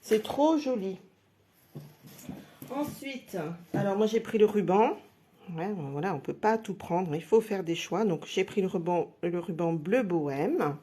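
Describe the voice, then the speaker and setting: A woman's voice: mid-range voice, a little slow, mellow, slight background noise. A woman chatting casually while unboxing craft supplies live, thinking aloud with many hesitations. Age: adult with a day job. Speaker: craft product seller.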